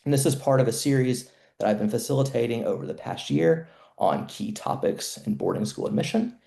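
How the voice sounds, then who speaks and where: Gravelly-voiced man hosting a webinar. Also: mid-range voice, expressive, mellow, echoey room. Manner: measured, explanatory, some restarts. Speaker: webinar host and educational consultant. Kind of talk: moderating a webinar panel.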